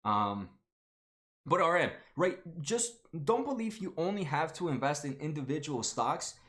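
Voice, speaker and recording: A man in his late twenties chats casually on his stock market livestream, reading comments and greeting viewers by name amid many fillers and restarts. His fairly high voice is sing-song, unhurried, and a bit bright.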